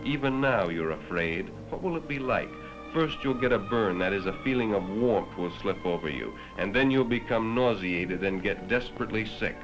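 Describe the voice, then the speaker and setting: Here an American man narrates a script at normal speed, his lowish voice expressive. He speaks straight to the listener with the grave, dramatic moralizing of a 1960s educational film. Highs are cut off on this vintage 1960s film soundtrack, and the music is prominent.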